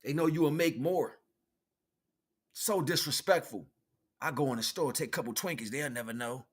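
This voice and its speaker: Slightly rough and mid-range, this American man's voice moves at a moderate pace as he rambles through an emphatic, freeform spiritual monologue. He hosts a livestream as a self-styled spiritual teacher, using casual street slang and cursing liberally.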